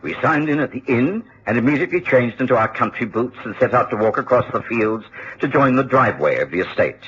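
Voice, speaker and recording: An actor playing a genial, earnest middle-aged gentleman doctor with a Received Pronunciation accent, telling his adventures in a radio drama in a measured, expressive way. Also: medium pitch, close to an everyday voice. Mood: grave storytelling. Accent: British Received Pronunciation. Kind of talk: radio drama narration and dialogue. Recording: dull, faintly noisy old radio recording.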